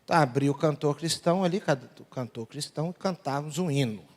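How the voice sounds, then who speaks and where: A man's voice: a little high, quick pace. A male pastor preaching a sermon in a church, telling humorous family stories and acting out the dialogue. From Brazil. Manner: storytelling, humorous, acts out dialogue. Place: large church sanctuary. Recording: long church hall reverb.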